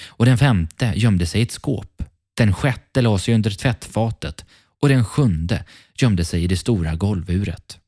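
A man hosting a children's story podcast, narrating a fairy tale in a friendly, gently paced storytelling voice. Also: lowish voice, breathy edge, no echo, studio quality. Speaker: storyteller host.

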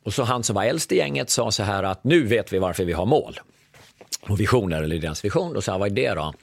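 A man's voice: fairly low pitch, creaky, no room sound. A man in his fifties, a guest and former business consultant, telling a story in conversation and acting out the dialogue. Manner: animated, acts out quoted dialogue.

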